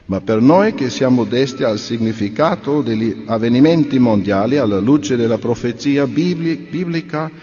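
Man, sermon, earnest rhetorical questions, middle pitch, lingering reverb. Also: lively intonation, normal speed, few pauses, mellow. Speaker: speaker at a religious convention. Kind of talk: delivered sermon. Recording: dull reverberant recording.

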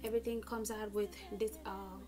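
A young woman films a makeup tutorial on her smartphone, held about arm's length away in a small room at home, chatting casually as a beauty vlogger. Her mid-range voice has a level tone and moderate pace, with music playing in the background.

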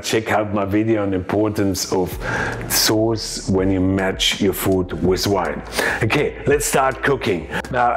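Chef in his forties, slightly low voice, explains recipes eagerly to camera in a kitchen. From Austria. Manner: chatty, emphatic, explanatory. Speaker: chef and cooking teacher. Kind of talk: cooking lesson. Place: home kitchen, indoors.

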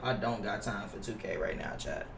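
A young man streaming a basketball video game chats and reacts at a moderate pace, his middle-pitched voice showing vocal fry as he swears, uses slang and complains. The audio is distant and roomy, with background noise and keyboard clicks.

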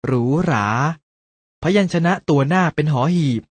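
Man slowly reading a children's lesson. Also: fairly high pitch, breathy edge, dry recording. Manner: slow, careful word-by-word reading aloud. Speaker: teacher. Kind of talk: scripted children's lesson narration.

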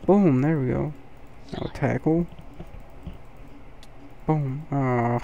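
A man narrates his own game late at night, keeping his voice low and sounding sleepy. His tone is dark and mellow, and his speech runs slow with a gravelly fry. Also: dull audio, a little hiss or hum. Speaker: gaming video host. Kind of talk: gameplay commentary.

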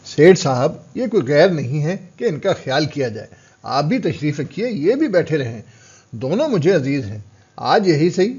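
Brief: man doing a scheming courtesan madam, loud and pleading, storybook read, muffled sound. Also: a little high, sing-song, husky. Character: scheming older female courtesan hostess, coaxing.

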